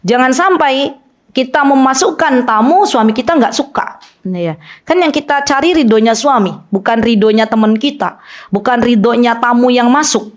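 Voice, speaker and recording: A woman's voice: a little high, lively intonation, moderate pace. A woman teacher giving a conversational religious study talk, telling stories and often turning to her listeners with friendly tag words. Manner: chatty storytelling with frequent tag words to listeners. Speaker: Islamic women's study teacher.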